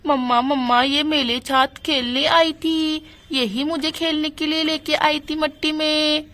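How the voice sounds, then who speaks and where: A woman's voice: sits high, steady tone, unhurried, bright, forceful tone, voice pushed up. A woman voicing a stubborn little village boy in a doll story, whining and pleading. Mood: whiny.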